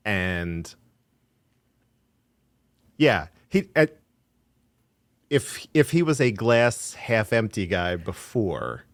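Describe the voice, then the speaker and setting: A man co-hosting a casual podcast in a relaxed, unhurried way, restarting phrases while he gathers his thoughts. His voice is fairly low. The sound is dry and close, with no room echo. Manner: laid-back, hesitant, repeats words while thinking. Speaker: podcast co-host. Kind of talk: casual chat analyzing a video game.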